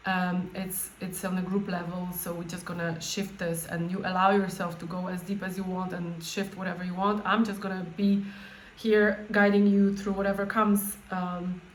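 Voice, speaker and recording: A woman coach leading an informal guided meditation, speaking off the cuff in a halting way and often rephrasing herself. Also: lowish voice, flat delivery. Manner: halting, spontaneous, with repeated words and rephrasing. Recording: echoey room with faint background noise.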